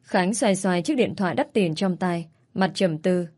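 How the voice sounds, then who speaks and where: A woman's voice: lowish voice, measured pace, a little mellow, slightly rough. A woman narrating a first-person story in an emotive reading style and doing the voices of all the characters.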